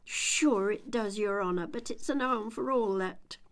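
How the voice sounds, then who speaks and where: A woman's voice: mid-range voice, a little slow, lightly acted. A woman voicing a humble, deferential male servant creature in a storybook, with a folksy manner. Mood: meek, reluctant.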